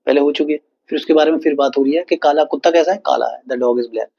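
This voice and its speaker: A man teaching an English grammar lesson, explaining slowly and repeating words with frequent checks. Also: a little high, vocal fry, mellow. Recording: dull lo-fi recording.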